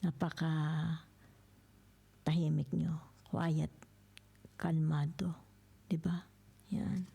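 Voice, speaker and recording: An older woman giving a slow tarot reading, soft-spoken, who keeps checking in with the listener and often drops to a whisper. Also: low voice, little pitch movement, creaky, slightly rough. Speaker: tarot reader. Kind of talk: slow tarot reading, mixing Tagalog and English.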